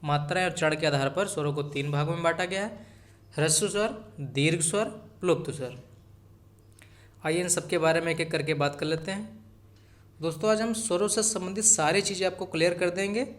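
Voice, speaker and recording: Male tutor, slightly high voice, exam-prep lecture, repetitive and direct. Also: a little fast. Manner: repeats key points, addresses viewers as friends. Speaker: teacher.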